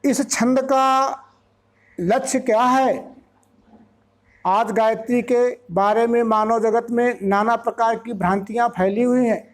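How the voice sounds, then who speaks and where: A spiritual teacher giving a discourse, explaining slowly and drawing out single syllables with care. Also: medium pitch, fairly even intonation.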